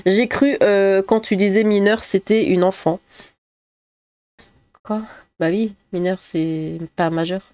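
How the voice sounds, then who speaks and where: A woman talks casually through viewer comments on her channel, chatty and full of small hesitations and giggles. Her pitch sits in an ordinary middle range. The sound is dry and close, with no room echo. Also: steady tone, takes it slowly, pauses often, a little mellow, smooth. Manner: chatty, frequent fillers, giggles often. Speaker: YouTuber reading viewer comments. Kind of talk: casual chat.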